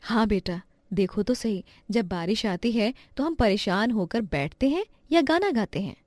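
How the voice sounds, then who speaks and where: A woman voicing a soft, encouraging mother in a cartoon. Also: medium pitch, lively intonation, moderate pace, dry recording, lightly acted. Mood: caring. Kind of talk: cartoon voice acting.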